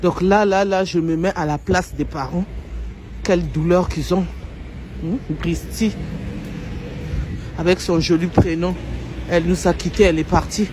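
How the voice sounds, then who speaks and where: A woman's voice: on the low side, steady tone, measured pace, long pauses, noisy background. A middle-aged woman talks straight to her audience in an emotional, heartfelt commentary. She is earnest and repetitive, often tripping over a word and saying sorry before carrying on. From Congo-Brazzaville. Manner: earnest, repetitive, stumbles and apologizes. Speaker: social media commentator. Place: home in Paris.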